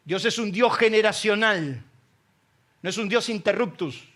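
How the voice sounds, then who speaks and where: A middle-aged man with an Argentine accent preaching a sermon, joking between loud preaching and quiet asides. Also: high-pitched, unhurried. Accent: Argentine Spanish. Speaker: pastor.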